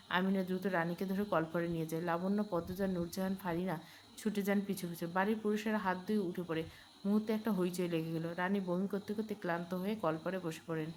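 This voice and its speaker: A woman's voice: fairly low pitch, slight background noise. Woman reading a romance story aloud. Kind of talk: scripted narration of a romance novel with voiced dialogue.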